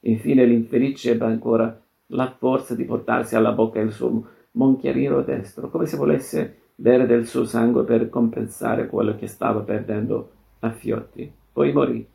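Gravelly man reading a novel aloud. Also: mid-range voice, steady tone, moderate pace, mellow. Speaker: reader.

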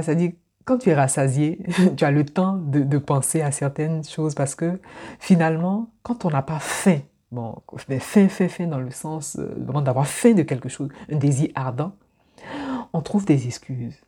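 A woman from Ivory Coast, a personal development speaker, gives a reflective motivational talk directly to the viewer in a low-pitched, warm, husky voice. She often repeats words as she searches for what to say.

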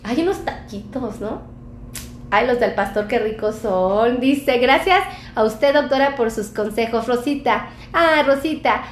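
A middle-aged Mexican woman doctor talks casually on a live stream in a playful, chatty way. Her voice sits high and bright. The room is echoey, with a faint hum of background noise. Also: unhurried. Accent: Mexican Spanish. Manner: chatty, playful, laughs often. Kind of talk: casual live-stream chat reading viewer comments.

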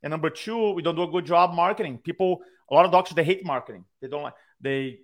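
Fairly high in pitch and quick in pace, the voice belongs to a Brazilian-accented speaking coach. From his own room on a video call, he's an animated storyteller in a podcast interview who acts out the quoted lines.

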